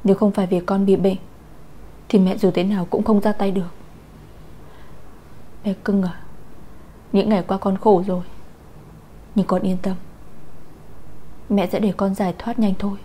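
A woman voicing a volatile young mother, talking through tears with shrill, accusing sobs. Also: level tone, normal speed, pauses often, warm tone, a little hiss or hum, close to an everyday voice. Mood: tearful tender.

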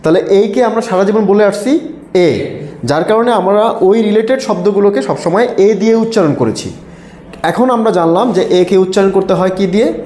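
A man's voice: high-pitched, normal speed, a little mellow. A man with a Bangladeshi Bengali accent teaching English pronunciation to a live class. He quizzes the students and has them repeat words after him. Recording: echoey classroom.

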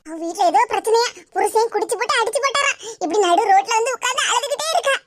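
A woman voicing a worried, soft-hearted elderly village grandmother with a Tirunelveli Tamil accent. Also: extremely high pitch, quick pace, noisy background. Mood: pitying.

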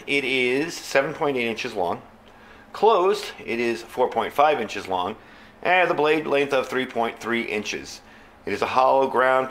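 Man, mid-pitched, casual reviewer, plainspoken with fillers, faint room noise. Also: a bit bright. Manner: easygoing, plainspoken, frequent fillers. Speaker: knife reviewer.

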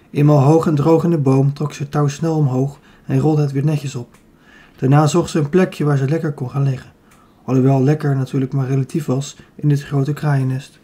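Husky-voiced male audiobook narrator. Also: fairly high pitch, dark tone.

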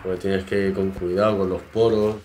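A man in his twenties, a barber, chatting casually while shaving a client in his small shop, in short relaxed phrases. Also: deep voice, normal speed. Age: 20s. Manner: relaxed, modest, talks in short trailing phrases. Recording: roomy shop echo, faint noise.

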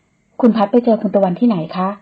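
A woman voicing a kind, fussing elderly housekeeper who speaks slowly and gently. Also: medium pitch, fairly even intonation, husky, dull audio, close to an everyday voice. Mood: caring. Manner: slow, gentle and caring.

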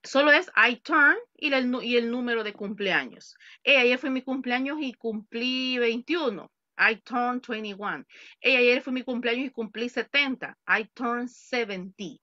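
A woman teaching English over a video call speaks slowly, taking her time with each example. Her voice is bright and a little high, recorded dry and a bit dull through a computer mic. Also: dry recording. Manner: patient, repeats words slowly for students. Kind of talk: online English class explained in Spanish. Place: home.

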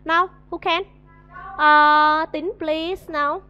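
A woman's voice: sits high, fairly even intonation, extremely slow. A woman with a Vietnamese accent teaching an English vocabulary lesson to a class, coaxing answers and drilling pronunciation. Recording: dull lo-fi audio.

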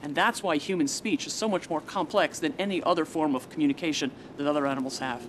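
A woman's voice: sits low, quick pace, background noise. A woman scientist giving a plain-worded, step-by-step explanatory demonstration for a documentary.

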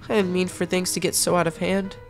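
A woman's voice: fairly low pitch, little pitch movement, fairly quick, faint music behind, lightly acted. A woman voicing an anxious but brave young boy in a comic dub, earnest and hesitant. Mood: apologetic.

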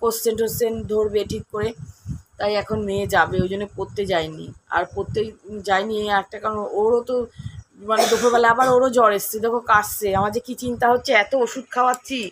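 A woman's voice: medium pitch, fairly even intonation, fast talker, noisy background. A woman, chatting casually at home about her day in a rambling, homely vlog style. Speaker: homemaker vlogger. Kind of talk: casual daily-life vlog narration. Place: at home, indoors.

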